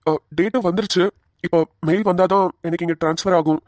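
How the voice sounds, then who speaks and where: Woman doing a soft-spoken cartoon husband, soothing, dry close mic. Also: lowish voice, steady tone, quick pace, no echo, close to an everyday voice. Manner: gentle, pleading, calls her fondly. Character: tender young husband, soothing and reassuring.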